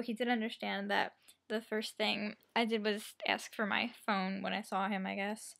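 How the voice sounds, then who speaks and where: A young woman with a fairly high voice talks like a vlogger catching up her viewers. She rambles through her story in a casual, self-deprecating way, slipping into quotes of herself and other people. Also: gravelly, a bit bright. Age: young adult. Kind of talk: casual chatty personal storytelling.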